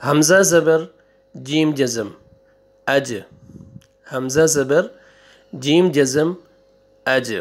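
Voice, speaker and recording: A man with a Pakistani Urdu accent teaching a Quran reading lesson, slowly drawing out syllables for pupils to repeat and then adding quick explanations. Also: fairly high pitch. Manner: slow, drawn-out drilling of syllables with quick asides. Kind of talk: online recitation lesson.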